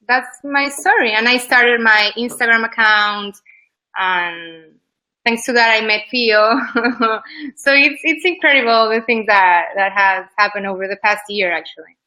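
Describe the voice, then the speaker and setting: A woman's voice: fairly high pitch, measured pace, bright, forceful tone, low-quality recording. A woman, chatting loosely as an interview guest about her work as a yoga teacher. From Ecuador. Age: 20s. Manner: chatty, loose, many "like" fillers. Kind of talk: casual interview chat.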